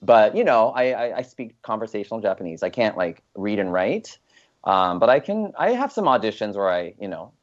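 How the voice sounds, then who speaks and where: A young man from Los Angeles, an actor appearing as a guest, speaks casually in an interview, rambling with many ums and you-knows. He has a fairly low voice and a moderate pace, heard through a dull, lo-fi recording.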